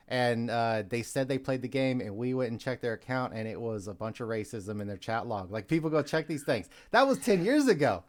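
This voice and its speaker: A man's voice: mid-range voice, darkish tone. A man in his forties hosting a live stream, talking straight to his chat in an emphatic, urging way on a cheap mic. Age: 40s. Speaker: streamer host. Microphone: cheap desk mic.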